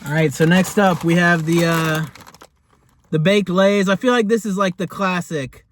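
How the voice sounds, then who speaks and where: A man's voice: high-pitched, steady tone, moderate pace. A man giving a casual, rambling food review in a laid-back, chatty way, as host of a taste test. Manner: rambling, laid-back, hesitant phrasing with lots of "like".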